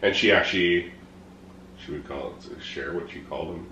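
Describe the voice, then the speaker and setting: A middle-aged man chatting casually, unhurried and understated, with some hesitation. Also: low-pitched, pushed and bright, dull audio. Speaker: vlogger's partner, co-answering questions. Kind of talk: casual chat. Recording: roomy echo, faint background noise.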